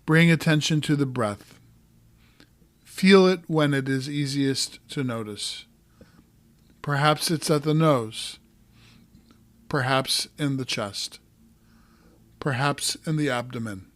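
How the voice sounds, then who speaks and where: A male meditation coach narrates a guided meditation, offering calm, gentle instructions in short, measured phrases. His voice is mid-range, with no echo.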